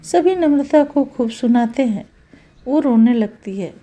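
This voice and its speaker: A woman narrating a scripted moral tale in a calm, even manner. Her voice is high and soft-toned. She reads slowly. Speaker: storyteller.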